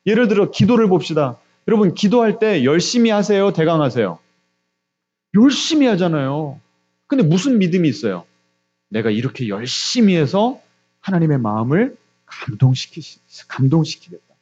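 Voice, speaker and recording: A man's voice: very animated, moderate pace, highs cut off. A man preaching a sermon as pastor, asking the congregation questions and answering them himself. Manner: acts out God's voice with quiet, low asides.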